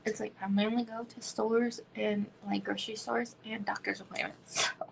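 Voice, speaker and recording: Gravelly-voiced woman chatting on a livestream. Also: medium pitch, level tone, moderate pace, a little hiss or hum, poor audio. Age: 30s. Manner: rambling, frequent "like" fillers, drops into whispers. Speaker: livestream host. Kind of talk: casual chat.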